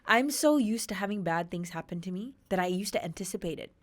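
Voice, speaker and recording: On a podcast, a woman from Australia in her thirties opens up about her life with candor. She talks quickly at a medium pitch, throwing lively emphasis into each retelling.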